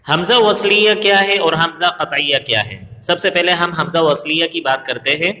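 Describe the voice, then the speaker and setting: A man's voice: fairly high pitch, bright, forceful tone. Male Urdu teacher in an echoey room. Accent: Pakistani Urdu. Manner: explains step by step, asks and answers his own questions; slows down to recite Arabic examples. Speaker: Arabic grammar teacher. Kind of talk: recorded video lesson. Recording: echoey room with long reverb.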